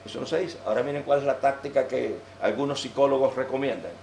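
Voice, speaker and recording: A man's voice: mid-range voice, fast, vocal fry, a little hiss or hum. Man lecturing in an echoey church. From Venezuela. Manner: animated, humorous teaching, addresses audience. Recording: roomy church echo.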